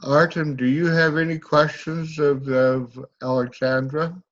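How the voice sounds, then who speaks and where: A man's voice: fairly high pitch, steady tone, a little slow, muffled recording. A man hosting an online club meeting, who asks brief, direct questions. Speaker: meeting host.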